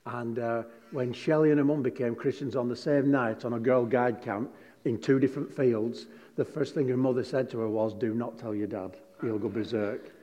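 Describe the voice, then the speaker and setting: A pastor preaches to a congregation in a large hall, telling chatty, joking stories and reading scripture emphatically. His medium-pitched voice is warm and steady at a normal pace, with long hall reverb on the recording.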